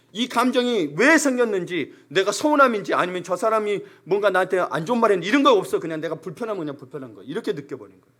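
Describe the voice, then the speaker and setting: A male pastor delivering a sermon in a church, his voice riding high for a man. He preaches with emphasis and swoops widely up and down in pitch. Now and then he slips into a short imitation of an ordinary person grumbling. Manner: animated, emphatic, briefly acts out everyday complaints. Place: church sanctuary.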